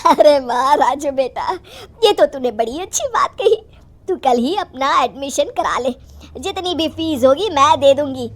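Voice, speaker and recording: महिला की आवाज़ में घमंडी, ऊँचे सुर वाली दादी. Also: female voice, sits high, expressive, measured pace. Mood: doting, delighted. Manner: scolding, dismissive, emphatic. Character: haughty, bossy old grandmother, scolding granddaughter, doting on grandson. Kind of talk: acted children's moral story.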